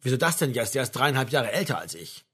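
A sulky young man who answers short and defensive, as the narrator voices him. His husky voice drops a little lower, clipped and grudging. Part of a storybook reading. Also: big pitch swings, quick pace, a bit bright. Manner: curt, defensive. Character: sullen, evasive young man.

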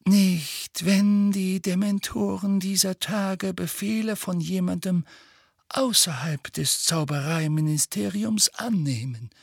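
A wise old wizard, as a male reader puts him on, speaks quietly and slowly, calm and deliberate. Some words fall to a near whisper, yet each stays clear. The audiobook reading is close and dry. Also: high-pitched, no room sound, pitched above the performer's own voice, exaggerated voice.

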